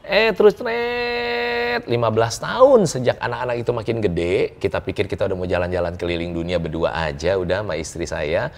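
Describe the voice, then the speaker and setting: Low-voiced joking business coach. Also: male voice, brisk, hardly any pauses. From Indonesia. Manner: lively, joking storyteller who chuckles often and slips in English words. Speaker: business coach, interview guest. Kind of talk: casual interview storytelling.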